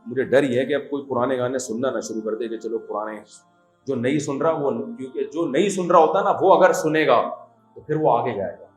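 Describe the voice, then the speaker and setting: A man gives a humorous religious lecture, telling stories with jokey asides to an audience of students. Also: mid-range voice. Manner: storytelling, jokey asides, quoting voices. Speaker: religious scholar giving a talk. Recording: echoey hall, faint music.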